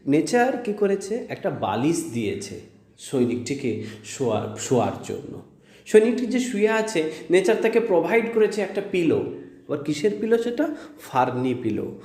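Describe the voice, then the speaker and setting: A man's voice: medium pitch, a little mellow, echoey room. A man teaching a poem line by line, reading each phrase and then explaining it with rhetorical questions. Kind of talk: line-by-line poetry lesson.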